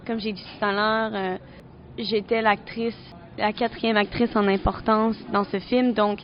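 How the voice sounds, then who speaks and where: A woman's voice: mid-range voice, flat delivery, measured pace, highs cut off. Chatty Québécois woman actress. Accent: Québécois French. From Quebec City, Canada. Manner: chatty, many fillers and restarts. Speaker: actress, interview guest. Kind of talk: casual interview answers.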